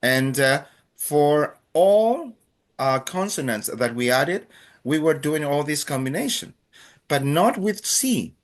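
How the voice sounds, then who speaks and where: A Chilean man, a native Spanish speaker with a Chilean accent, teaches a language class in an encouraging, playful manner full of fillers. His voice sits on the high side and is expressive and slow.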